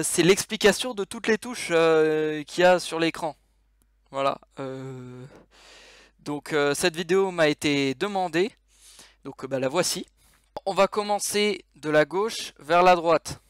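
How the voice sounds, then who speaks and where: A man's voice: fairly high pitch, clear, resonant tone, no room sound, clean studio sound. Hesitant French man explaining a game. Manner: hesitant, many fillers and restarts. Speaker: game tutorial maker. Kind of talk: casual screen-recorded tutorial.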